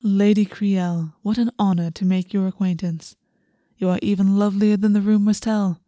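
A woman plays an aristocratic fae man from a fantasy audiobook. The voice is soft-edged and mellow, calm and courtly, with measured formal phrasing and a quietly sinister politeness, recorded close and dry. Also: medium pitch, no room sound, lightly acted. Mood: courteous, composed.

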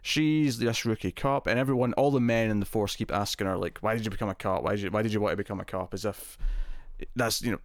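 On a casual film podcast, the male host speaks fast in a lowish voice, chatting easily, laughing often, and restarting words. The audio is studio quality without any echo.

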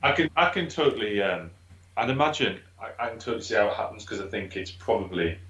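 A man co-hosting a casual podcast, supportive and quick with short agreements. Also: lowish voice, fairly bright tone. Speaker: podcast co-host, expectant father. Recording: roomy, dull lo-fi sound.

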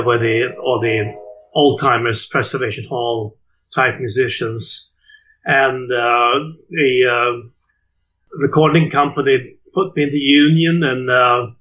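An older Swedish man, a jazz clarinetist appearing as a guest, recalls his life in a relaxed interview. His mid-range voice is bright and forceful, yet hesitant, full of uh's, repeated words, fillers, and restarts. The audio is dull and lo-fi.

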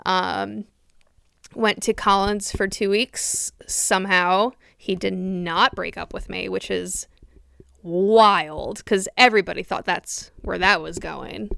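A woman's voice: medium pitch, steady tone, slow, vocal fry, fairly bright tone, smooth, no room sound, studio quality. A woman co-hosting a podcast, chatting casually and joking bluntly, with some swearing. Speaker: podcast co-host. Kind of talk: casual chat.

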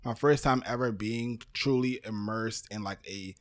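A man's voice: fairly low pitch, unhurried. A man from Brooklyn, a podcast network founder, talking loosely as an interview guest with lots of "um" and "you know". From Brooklyn, New York, USA. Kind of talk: casual interview talk.

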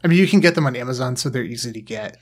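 A man's voice: medium pitch, lively intonation, very fast. Dry, teasing male podcast host. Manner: dry, teasing, rambling with many fillers. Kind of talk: casual podcast chat.

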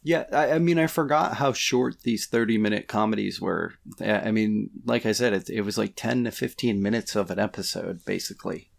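A man co-hosting a podcast in casual chat, rambling and halting as he thinks aloud. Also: fairly low pitch, creaky. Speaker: podcast co-host.

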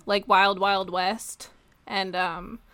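A woman guest on a film podcast in casual chat, unhurried, filling with "like" and laughing often. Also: medium pitch, little pitch movement, fairly bright tone, clear, resonant tone, no echo.

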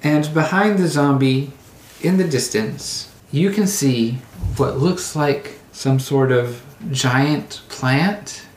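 Slow, halting game master in an echoey room. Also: medium pitch. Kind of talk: narrating a tabletop role-playing game. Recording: roomy, echoey, faint background noise.

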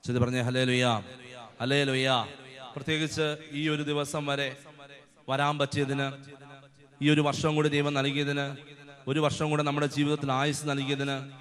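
A man's voice: a little high, monotone, a little slow, pauses often, a bit bright. A male preacher giving a sermon, asking the congregation questions and calling out hallelujah between points. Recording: hall reverb.

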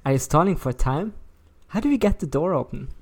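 Casting: woman with a strikingly deep voice reading a story, swooping intonation. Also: expressive, fairly quick. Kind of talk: reading a story aloud with friends.

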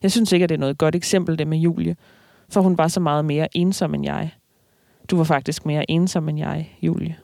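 A writer reading aloud slowly from a novel, then talking about the book with hesitant fillers. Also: medium pitch, fairly even intonation, vocal fry, mellow, no room sound, studio quality. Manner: slow, measured reading with hesitant fillers in discussion.

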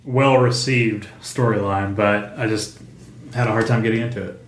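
A man's voice: fairly low pitch, steady tone, slight background noise. Hesitant man in a roomy space. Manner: hesitant, halting, many fillers and restarts. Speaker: podcast co-host. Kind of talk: casual comic book chat. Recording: roomy untreated room sound.

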